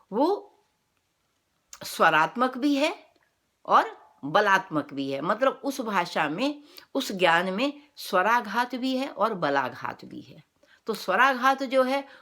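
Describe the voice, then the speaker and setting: Female lecturer, mid-pitched voice, measured explanatory delivery that poses and answers its own questions. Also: a bit bright. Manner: explanatory, asks rhetorical questions then answers them. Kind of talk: academic lecture.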